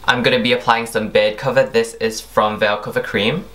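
A man's voice: mid-range voice, fairly even intonation, moderate pace, pushed and bright. A young man narrating an instructional makeup tutorial as its presenter. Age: young adult.

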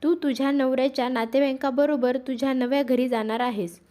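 A woman's voice: sits high, fairly even intonation, brisk, dark tone, close to an everyday voice. A woman voicing a stern, cold mother who curtly orders her daughter away.

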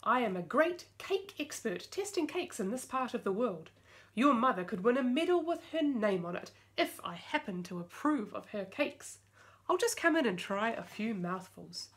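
A woman's voice: fairly high pitch, sing-song, normal speed. A woman putting on a grand, wheedling witch. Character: greedy sly female witch, wheedling and boastful.

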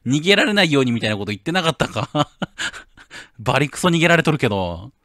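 A male game streamer playing a horror game, reading the story text softly and breaking into loud, excited outbursts between lines. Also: medium pitch, brisk, no room sound, clean studio sound. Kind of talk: horror game playthrough, reading dialogue aloud with commentary.

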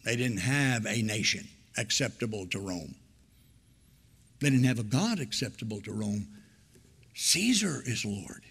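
An older man preaching a sermon from a church pulpit, swinging between loud emphatic lines and hushed, low asides. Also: expressive, unhurried, creaky, pauses often, husky. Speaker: pastor. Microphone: pulpit microphone.

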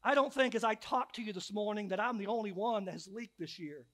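High-voiced male pastor preaching. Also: fairly quick. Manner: emphatic preaching, swinging from loud repeated questions to hushed quiet lines. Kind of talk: sermon.

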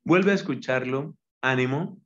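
A man with a Colombian Spanish accent, a Dominican friar, teaching biblical Greek patiently and chanting verse lines slowly. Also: medium pitch. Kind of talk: gentle Bible lesson with sung Greek verse. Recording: slightly dull, lo-fi recording.

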